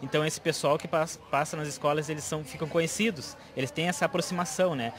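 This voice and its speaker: A man's voice: a little high, steady tone, fast talker, a bit bright. A young man, a municipal guard giving spontaneous interview answers into a handheld microphone outdoors. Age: young adult. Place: outdoors in a school courtyard. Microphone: handheld reporter microphone. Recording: busy outdoor schoolyard chatter behind.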